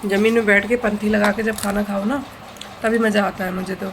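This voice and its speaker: A woman's voice: mid-range voice, a little fast, background noise. Chatty woman vlogging from home. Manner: chatty, relaxed, talks straight to viewers. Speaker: vlogger, homemaker and mother. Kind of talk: casual home vlog chat. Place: at home, indoors.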